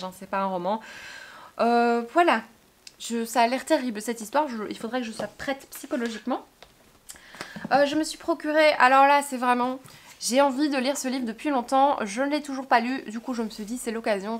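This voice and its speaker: Young woman, book vlogger, casual chat, slightly high voice, hesitant and chatty. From Belgium. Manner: chatty, hesitant with many fillers and restarts.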